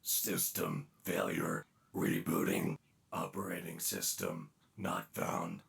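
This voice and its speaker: Video game robot villain, very gravelly, slow, bitter, commanding. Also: male voice, low voice, very animated, a bit bright, soft background music, full character voice. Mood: flat, mechanical. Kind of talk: dramatic video game voice acting.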